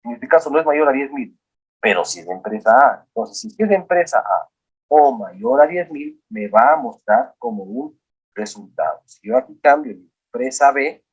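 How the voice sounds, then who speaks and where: Brief: male instructor, husky tone, talks students through each step of a screen lesson. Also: mid-range voice, lively intonation, normal speed, highs cut off. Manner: walks through steps aloud, often prompting "look here". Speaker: teacher. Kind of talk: screen-recorded software lesson.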